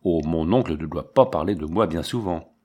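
A man's voice: low voice, moderate pace, darkish tone, breathy edge, pitched below the performer's own voice. A man reading a stern, curt army captain. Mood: probing. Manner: curt and commanding. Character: stern aloof male army captain, thirty-five. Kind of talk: audiobook character reading.

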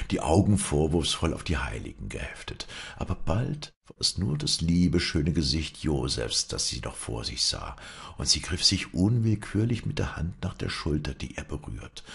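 A man reading an audiobook in an expressive storytelling manner. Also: extremely low pitch, creaky, slightly rough. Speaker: narrator.

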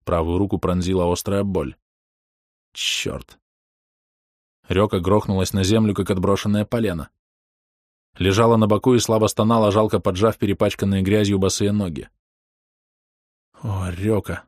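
A man narrating an audiobook in the first person, in a steady, measured reading voice. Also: on the low side, no echo, clean studio sound.

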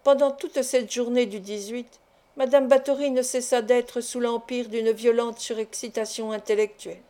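A woman narrating a classic adventure novel as an audiobook, in a measured, clear storytelling delivery. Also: a little high, steady tone, mellow. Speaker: audiobook reader.

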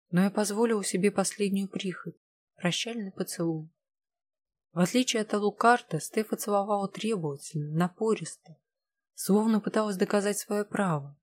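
A woman reading a first-person romance novel aloud in a soft, even storytelling manner. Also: mid-range voice, slightly rough, dry recording. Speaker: audiobook reader.

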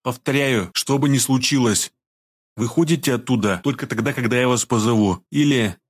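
A man reading an audiobook, voicing a calm, commanding young woman who gives firm orders. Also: medium pitch, moderate pace, natural voice.

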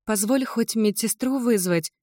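A woman's voice: a little high, measured pace, dry recording, clean studio sound, pitched above the performer's own voice. A woman reading an audiobook, voicing a frightened, protective mother who fusses anxiously over her daughter. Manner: anxious and fussing, rising to shouts. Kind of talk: audiobook character voice.

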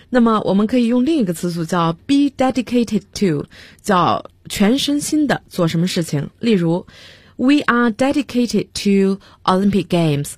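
A woman's voice: mid-range voice, breathy edge, no room sound. A woman teaching English vocabulary on a radio lesson, spelling words out letter by letter and giving example sentences.

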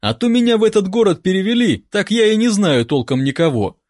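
A man's voice: high-pitched, very animated, brisk, a little mellow, no echo, clean studio sound, voice pushed up. A man voicing a talkative, gossipy young policeman in an audiobook. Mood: chatty. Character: young chatty male small-town policeman.

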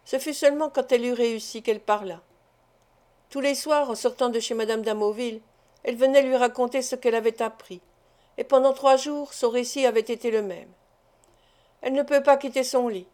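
Female audiobook narrator, slightly high voice, expressive literary reading. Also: a little fast. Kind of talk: scripted narration of a classic novel.

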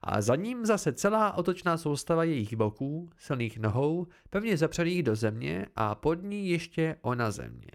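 Lively amateur male audiobook reader. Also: fairly high pitch, hardly any pauses. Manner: expressive first-person storytelling. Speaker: audiobook narrator.

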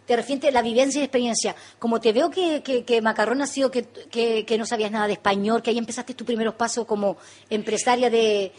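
A woman hosting a radio interview, her voice a little husky and set somewhat high. She asks questions and keeps encouraging her guest with short affirmations. It sounds like a radio studio interview. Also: fairly even intonation, fast talker, darkish tone. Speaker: radio host.

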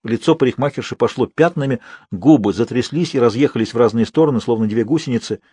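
Man reading a novel out loud, husky voice, dry close sound. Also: medium pitch, fast, no echo. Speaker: audiobook narrator. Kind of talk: scripted narration.

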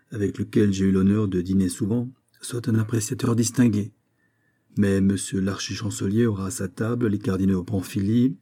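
A witty gentleman gourmet and magistrate who answers every outburst with unhurried dignity, as a man reads him aloud. The voice sits low and warm with a husky edge, well suited to a storybook reading. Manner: tranquil, dignified. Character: calm witty older male gourmet magistrate.

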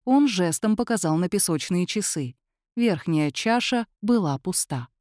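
A woman reading a story aloud as a narrator, in an expressive storytelling manner. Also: lowish voice, unhurried, dry recording, studio quality. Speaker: audiobook narrator. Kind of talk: scripted narration.

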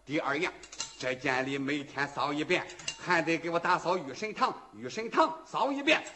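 A man's voice: fairly high pitch, expressive, normal speed, sharp tone, slight background noise. A man performing a traditional Chinese storytelling piece, narrating in rhythmic chanted verse and switching into voices for each character.

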